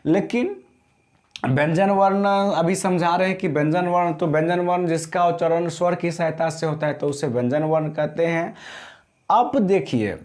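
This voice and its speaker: बिहारी लहजे वाला ऊँची आवाज़ का शिक्षक. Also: male voice, fairly high pitch, darkish tone. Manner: explains slowly, repeats "समझ गए ना?" to check understanding. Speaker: grammar teacher. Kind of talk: classroom lesson.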